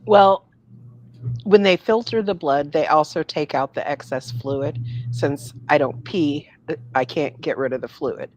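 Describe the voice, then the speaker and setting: A woman's voice: sits low, a little slow, darkish tone, slight background noise, low-quality recording. A woman co-hosting a casual talk show, speaking frankly and bluntly in informal language. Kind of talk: casual chat.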